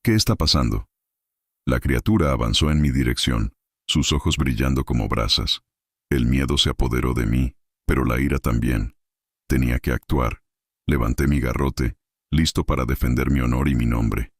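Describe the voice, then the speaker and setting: A man narrating a horror story in a dramatic, measured storytelling manner. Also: a bass voice, fairly even intonation, slightly rough, dry recording, clean studio sound.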